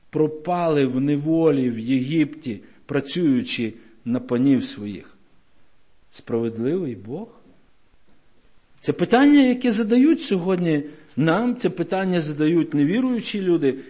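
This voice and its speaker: A man's voice: on the high side, dark tone. A male preacher delivering a sermon in a church, pressing the congregation with emphatic, repeated rhetorical questions.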